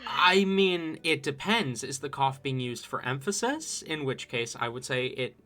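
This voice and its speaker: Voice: medium pitch, lively intonation, unhurried, pushed and bright. A game master on a live tabletop stream, patiently explaining rulings with hesitant restarts. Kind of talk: rules ruling in casual live game chat.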